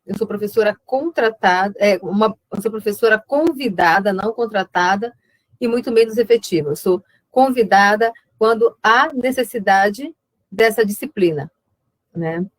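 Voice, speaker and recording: An invited woman writer from Alto Solimões in Amazonas, Brazil, speaks with a northern Brazilian accent on an online panel in a remote web conference. Her medium-pitched voice moves at normal speed as she thinks aloud and circles back over her words, recorded in a dry, echo-free spot.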